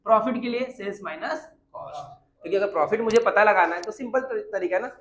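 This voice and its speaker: Talking fast in a high voice, this man runs a commerce lesson at the whiteboard in Hindi blended with terms. He works through self-posed questions, restates every important point, and the room sounds echoey.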